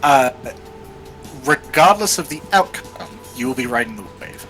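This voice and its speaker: A man narrating a tabletop role-playing game as game master, describing scenes in a measured way with fillers. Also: medium pitch, lively intonation, a bit bright, faint music behind, poor audio.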